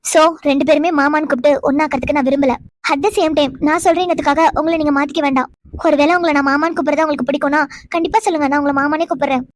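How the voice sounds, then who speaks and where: A woman voices a young cartoon woman with a very high, bright voice. She talks extremely fast in quick, indignant retorts. The sound is dry and close. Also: steady tone, dry recording, natural voice. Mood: tender. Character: young woman Vino, quarrelsome fiancée. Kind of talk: cartoon dubbing.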